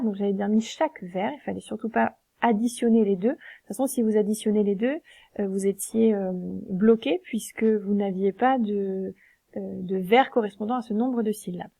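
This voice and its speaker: A woman's voice: mid-range voice, warm tone, no room sound. A woman teacher, patiently explaining a poetry exercise step by step, with frequent hesitations. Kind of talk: recorded lesson correcting a versification exercise.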